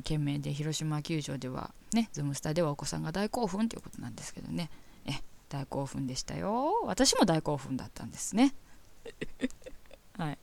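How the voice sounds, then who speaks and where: Giggly Kansai woman with a gravelly voice. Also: sits low, a little mellow. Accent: Kansai Japanese. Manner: giggly, bawdy and frank, laughs often. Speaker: radio host reading listener mail. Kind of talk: casual chat and reading letters aloud.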